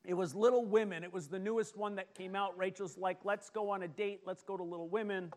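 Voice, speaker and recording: A middle-aged man preaching a sermon, animated and self-deprecating as he tells personal stories. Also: high-pitched, a little fast. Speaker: pastor.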